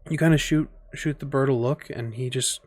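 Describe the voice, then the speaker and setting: A man running a tabletop game speaks at a middle pitch, narrating loosely and thinking aloud with frequent fillers. His voice is close to a desk mic in a dry room. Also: normal speed, no echo. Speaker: game master.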